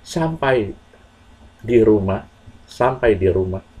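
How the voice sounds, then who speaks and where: A man telling a moral story to children in a slow, earnest, measured way with pauses. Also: fairly low pitch, lively intonation, a little mellow, husky, low-quality recording.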